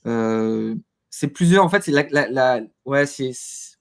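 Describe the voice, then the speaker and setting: As an interview guest, this man talks at a mid-level pitch, animated and creaky-voiced. His delivery is casual and halting, and he repeats words while hunting for the phrase he wants.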